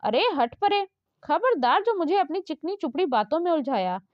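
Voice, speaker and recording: A scolding mother who nags her son without pause, as a woman narrator plays her. The voice runs high and animated, in a dull, dry, lo-fi recording. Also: dry recording. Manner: scolding, nagging. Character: scolding middle-aged mother, nagging but loving.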